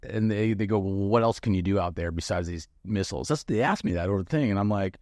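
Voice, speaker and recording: A middle-aged man with a very low voice tells a story bluntly and with plenty of swearing. He sounds animated and frank, like a former military chief talking with a friend. The recording is dry and close. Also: quick pace, no echo. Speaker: guest, former bomb disposal chief. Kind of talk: casual storytelling conversation.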